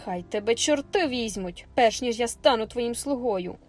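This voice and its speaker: A woman voicing a surly, rough farm youth who curses slowly and gruffly. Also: on the high side, faint music behind, close to an everyday voice. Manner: gruff, slow, cursing.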